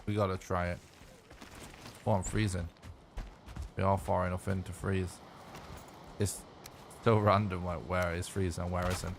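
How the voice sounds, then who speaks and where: A man streaming a speedrun, thinking aloud in relaxed, muttered commentary. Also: low-pitched, normal speed, vocal fry, pauses often, slight background noise. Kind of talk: casual gameplay commentary.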